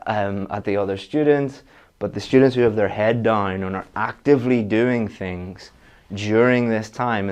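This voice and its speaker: A man with a fairly low voice coaches students through an exam-prep lesson. He talks straight to them, frank and practical, and moves from point to point like a teacher who wants the work done. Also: a little mellow. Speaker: IELTS teacher.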